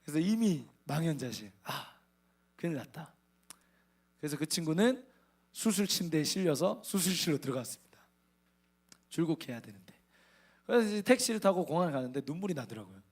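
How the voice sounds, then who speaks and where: A man's voice: on the high side, very animated, fairly quick, long pauses, breathy edge. A man in his thirties preaching a sermon as a missionary, telling his story with humor and acting out the dialogue, often laughing. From Korea.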